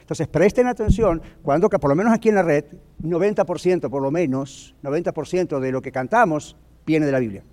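Male pastor, rapid sermon delivery, question-driven teaching style, occasional English asides. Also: on the high side, darkish tone. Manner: asks the audience frequent questions; drops into English words now and then.

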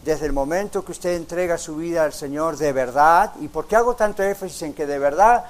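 A man preaching with a notably high voice. He presses his points with emphatic rhetorical questions and briefly mimics doubters before driving home the lesson. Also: fairly quick, darkish tone. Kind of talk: radio sermon.

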